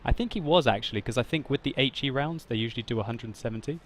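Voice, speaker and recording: Guy commentating his tank game replay, medium voice, laughs a lot, gets loud when stuff happens, faint game sounds behind. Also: mid-range voice, fast, a little hiss or hum. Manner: animated, laughs often, spikes loud when excited. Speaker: gameplay commentator. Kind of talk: video game commentary voice-over.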